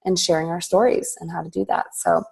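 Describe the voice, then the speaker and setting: Philippines-born woman, thirties, lowish voice, gushing and casual guest. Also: level tone, a little fast, creaky, slightly rough. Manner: enthusiastic, warm, loose with fillers. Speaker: podcast guest, entrepreneur. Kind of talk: casual podcast interview.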